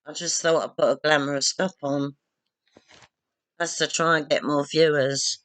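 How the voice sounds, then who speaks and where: A woman's voice: sits low, steady tone, moderate pace. A woman chatting to her viewers at home, rambling and self-deprecating as she moves around the room with her phone camera. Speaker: vlogger. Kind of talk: casual chat to camera. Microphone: phone or laptop camera, not a proper webcam.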